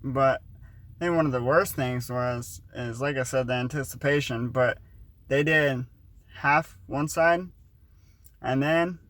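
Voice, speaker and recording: A man in his twenties with a slight lisp, chatting casually to his vlog audience, talking fast and rambling with restarts and fillers. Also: mid-range voice, fairly bright tone, dry recording. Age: 20s. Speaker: vlogger.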